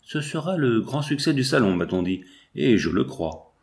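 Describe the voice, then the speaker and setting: A man's voice: medium pitch, big pitch swings, normal speed, gravelly. A man reading the lines of an opinionated, pompous bourgeois father in an audiobook, speaking emphatically. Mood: emphatic.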